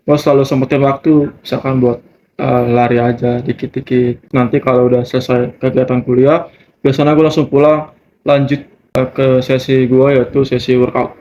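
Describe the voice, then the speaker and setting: In a muffled, noisy lo-fi clip, a nineteen-year-old man takes part in a group discussion as a student interviewee, giving loose, slangy replies. He talks at a moderate speed in a medium-pitched, dark-toned voice that barely rises or falls.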